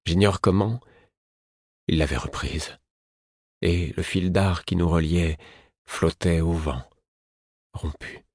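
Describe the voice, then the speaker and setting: A man reading a first-person audiobook in a measured, somber manner. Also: deep voice, steady tone, a little mellow, dry recording, clean studio sound. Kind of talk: audiobook narration.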